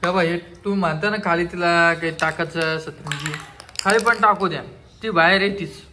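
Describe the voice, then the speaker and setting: A man's voice: a little high, normal speed. A man chatting playfully at home for his family vlog, coaxing the children as he films. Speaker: family vlogger. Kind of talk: casual home vlog chat. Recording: noisy home phone recording.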